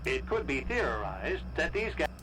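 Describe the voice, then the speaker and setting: A man's voice: a little high, a little slow, slight background noise, full character voice, low-quality recording. A man voicing a cold, terse computer interface in a video game whose speech glitches and breaks off as it reports errors and corruption. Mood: glitching. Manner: clipped, flat machine-like announcements. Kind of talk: video game character dialogue.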